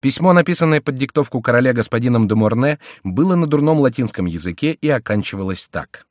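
A man narrating a historical novel as an audiobook in a measured, steady reading. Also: mid-range voice, dry recording, studio quality.

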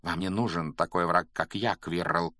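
A man's voice: lowish voice, a little fast, a bit bright, dry recording, clean studio sound. A man voicing a cold, threatening male schoolmaster who speaks in a clipped, ironic tone. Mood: icy menace.

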